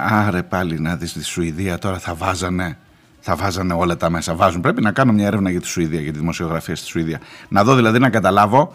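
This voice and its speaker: A middle-aged man hosting a radio show, giving sarcastic, mocking news commentary and reading documents aloud in halting English. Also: sits low, fairly bright tone. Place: radio studio.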